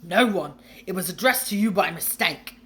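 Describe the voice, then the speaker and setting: A woman's voice: lowish voice, lively intonation, normal speed, fairly bright tone. A woman voicing a blustering, bullying middle-aged uncle who sneers, stammers and roars. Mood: forced calm.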